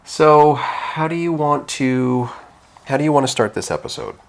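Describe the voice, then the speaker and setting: A man co-hosting a podcast, talking in a relaxed, rambling way with many restarts. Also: medium pitch, normal speed, gravelly. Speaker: podcast co-host, piercing educator. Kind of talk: casual chat.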